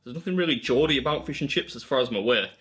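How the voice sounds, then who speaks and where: A man's voice: mid-range voice, lively intonation, racing, fairly bright tone, slightly rough. An English man hosting a food challenge video in a chatty, self-mocking style with wry asides. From England. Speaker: competitive eating video host. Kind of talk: casual vlog narration.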